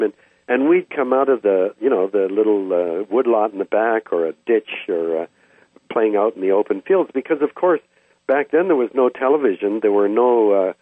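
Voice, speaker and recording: An older man from Canada, thoughtfully reminiscing about his childhood with frequent pauses and hesitations. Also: fairly low pitch, no echo. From Vancouver, Canada. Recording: dry, tinny phone-like sound.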